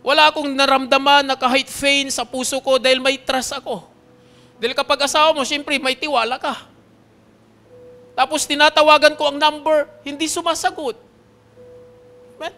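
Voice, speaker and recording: High-voiced, bright male pastor preaching. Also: flat delivery, normal speed, long pauses. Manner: earnest, often checks in with the congregation; swings between soft, hushed passages and loud, pleading ones. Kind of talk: personal testimony sermon.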